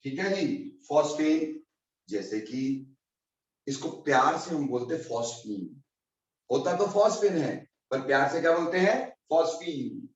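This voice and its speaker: A man's voice: a little high, big pitch swings, normal speed. A man teaching a chemistry class, fondly addressing his students as children and repeating key points, mixing in English terms. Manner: mixes Hindi with English terms. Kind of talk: classroom lecture. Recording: roomy, distant, dull lo-fi classroom recording.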